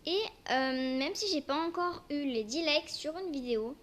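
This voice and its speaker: A woman's voice: high voice, expressive, moderate pace. A young female speaker with braces slightly impeding her articulation, casually and hesitantly presenting a game in a homemade video. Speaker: amateur video creator. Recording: noisy homemade recording with clicks.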